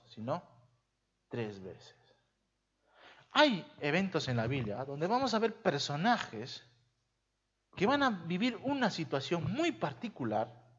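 Male preacher, fairly high voice, theatrical sermon delivery heavy on rhetorical questions, muffled lo-fi recording. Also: slightly rough. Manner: dramatic, many rhetorical questions, big swings in loudness. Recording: dull lo-fi recording.

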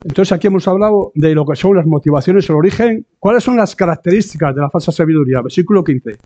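Man, preacher, conversational sermon, tag questions, slightly high mellow voice, dull lo-fi recording. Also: fast. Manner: acts out quoted voices. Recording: dull lo-fi sound.

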